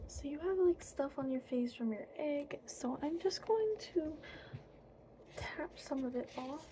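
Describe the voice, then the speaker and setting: A woman doing an ASMR role-play as a friendly young fairy, speaking softly and breathily with hesitant, informal phrasing. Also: sits high. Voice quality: soft breathy soft voice. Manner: hesitant, informal, many trailing pauses. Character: friendly, apologetic young fairy guiding a newly hatched fairy. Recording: clearly audible background noise.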